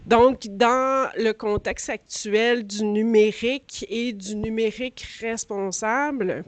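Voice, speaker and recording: Woman, Quebec French accent, grating scratchy voice strained by allergies, conference talk, medium pitch, dry close sound. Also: no room sound. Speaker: guest speaker, director of a workforce organisation.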